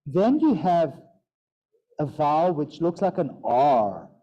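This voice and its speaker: A man's voice: fairly high pitch, sing-song, slow. A man teaching a yoga and Sanskrit pronunciation class, playful and demonstrating sounds aloud. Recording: dull lo-fi sound.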